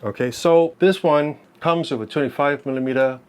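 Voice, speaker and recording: A man's voice: fairly high pitch, moderate pace, a little mellow, smooth. A man whose articulation is slightly affected by wearing braces, explaining things casually in an unscripted review vlog and posing questions that he then answers. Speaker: amateur astronomy reviewer.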